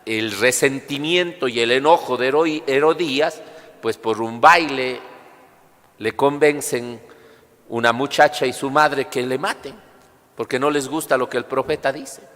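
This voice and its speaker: A male priest's voice rings through a long, cathedral-like church echo. His pitch sits in the middle as he proclaims and preaches at Mass. The delivery is solemn, deliberate and instructive. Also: a bit bright. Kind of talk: liturgical proclamation and homily. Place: large reverberant church during livestreamed Mass.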